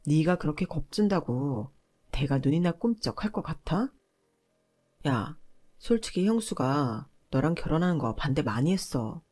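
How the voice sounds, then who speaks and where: A woman voicing an arrogant young husband, speaking lower and with contempt, lecturing his wife. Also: animated, normal speed, darkish tone, husky. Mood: contemptuous.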